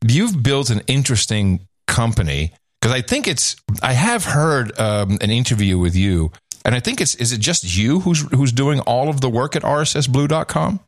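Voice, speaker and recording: A man's voice: mid-range voice, big pitch swings, moderate pace, no room sound, clean studio sound. A man hosting a podcast in casual chat, jokey and laughing often, with rambling questions. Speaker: podcast host.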